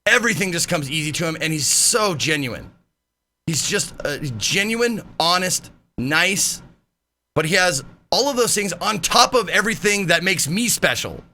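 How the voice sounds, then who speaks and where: A man streaming live, chatting casually in a loud, animated way and swearing freely. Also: sits high, normal speed, slight background noise.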